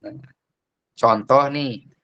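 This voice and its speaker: A man's voice: medium pitch, highs cut off. Man giving a lecture. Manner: explains with examples, recites Quran verses slowly. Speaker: Arabic language teacher. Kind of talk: casual classroom lecture.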